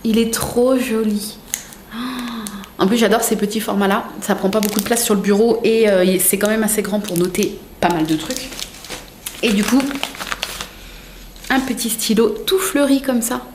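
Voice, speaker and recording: A woman's voice: medium pitch, moderate pace, background noise. Gushing young woman in a roomy room. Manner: gushing, chatty, full of fillers. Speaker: vlogger. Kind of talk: casual unboxing chat.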